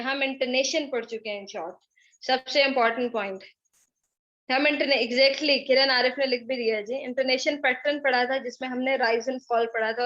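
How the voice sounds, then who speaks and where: A young woman teaching spoken English in a live online class. She teases and scolds her students briskly, slipping English phrases into her Hindi-Urdu speech. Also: high voice, a bit bright. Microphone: computer mic in a live online class. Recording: dull lo-fi online call audio.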